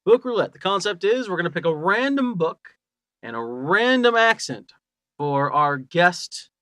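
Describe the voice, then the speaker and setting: An upbeat male podcast co-host who introduces segments like an emcee. His pitch is lively and animated. The sound is dry and close-miked. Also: unhurried, no echo. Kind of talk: casual chat.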